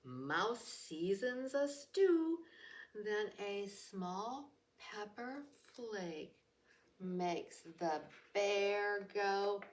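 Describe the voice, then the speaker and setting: A woman's voice: medium pitch, expressive, very slow. A woman librarian reading a bedtime picture book expressively, with gasps and whispers, recorded from a distant mic. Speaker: children's librarian.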